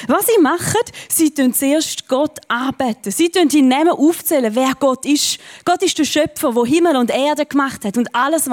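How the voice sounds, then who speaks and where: A woman's voice: a little high, a little mellow. A woman preaching a sermon from a church stage, earnest and encouraging, with emphatic rises in her voice.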